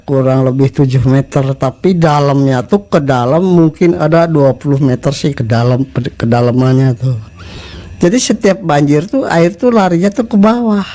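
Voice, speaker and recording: A man telling a true-life ghost story in casual, rambling speech, repeating words. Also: medium pitch. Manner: rambling, repeats words, acts out shouted quotes.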